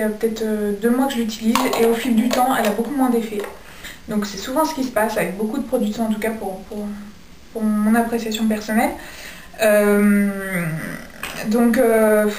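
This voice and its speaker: A woman's voice: a little high, darkish tone, slight background noise. Chatty young Frenchwoman, echoey room. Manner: chatty, frequent hesitations. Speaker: beauty vlogger. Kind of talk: casual skincare review. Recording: echoey room, mic at a distance.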